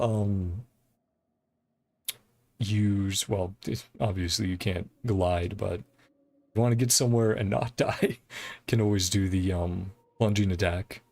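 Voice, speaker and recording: Low-pitched and slightly mellow, this voice belongs to a streamer chattering loosely about the game he's playing live, chuckling as he goes. There's no room sound, just game music underneath.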